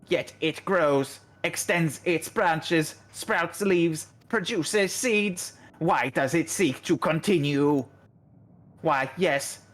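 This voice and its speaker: Guy doing a dalek robot voice, stiff formal android from a video game, slow and flat, kinda high. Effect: Dalek-like robot voice done by mouth. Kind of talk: voicing a game character while streaming.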